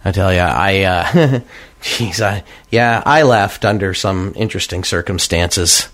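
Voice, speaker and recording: A man's voice: deep voice, measured pace, no room sound. Laughing, storytelling man on the radio. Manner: animated storyteller, laughs often. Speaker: radio station guest. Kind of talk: casual radio chat, storytelling.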